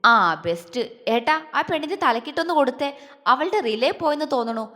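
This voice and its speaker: A woman's voice: high voice, lively intonation, normal speed, sharp tone, faint music behind. A woman doing a cheeky teasing young man. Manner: cheeky, mocking. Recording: long hall reverb.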